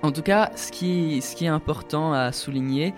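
A man talks through video games in a relaxed, halting way, filling gaps with "euh" and restarting phrases often. A faint bed of music plays under his voice. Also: a little high. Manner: hesitant, many fillers and restarts. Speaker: guest presenting a video game event. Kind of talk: casual radio chat.

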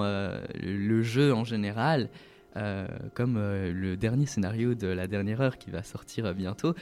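A man's voice: mid-range voice, darkish tone. A man explaining video games in a casual talk, hesitant, with many fillers and restarts. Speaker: guest presenting a video game event. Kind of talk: casual radio chat.

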